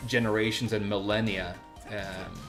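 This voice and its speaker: With music playing in the background, a low-voiced male streamer from Sweden chats and comments on games in an unscripted livestream. His tone stays steady, but his delivery is halting and off-the-cuff, full of word-searching and false starts.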